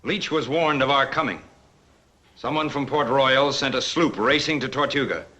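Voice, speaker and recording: An actor playing a blunt, resolute young sea captain in a 1940s swashbuckler film, clipped and commanding. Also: male voice, medium pitch, normal speed, bright, forceful tone, lightly acted. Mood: blunt, grim. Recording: 1940s film soundtrack, music behind.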